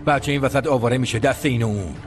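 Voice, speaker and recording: An actor playing a coarse, threatening uncle just out of prison, bullying and rough. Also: male voice, medium pitch, soft background music, natural voice. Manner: rough, bullying, shouting in anger. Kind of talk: film drama dialogue.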